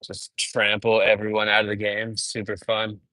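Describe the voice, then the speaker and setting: Bright-voiced man streaming from a treadmill. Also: on the low side, normal speed, dry recording, rough recording. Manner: animated storytelling, peppered with "bro" and "dude"; talking while walking on a treadmill. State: sweating from exercise. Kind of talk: casual live-stream chat.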